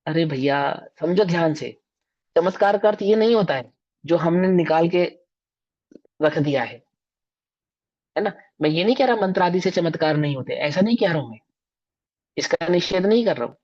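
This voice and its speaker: A man's voice: fairly high pitch, animated, moderate pace, pauses often, a little mellow. A man giving a religious discourse as a scripture teacher, emphatic and full of rhetorical questions to his listeners. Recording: dull lo-fi recording.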